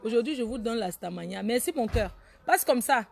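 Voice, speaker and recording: Woman on a facebook live, kinda high voice, teasing and chatty. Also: brisk, vocal fry. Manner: animated, teasing, laughs often, scolds viewers. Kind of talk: casual live-stream chat reading viewer names.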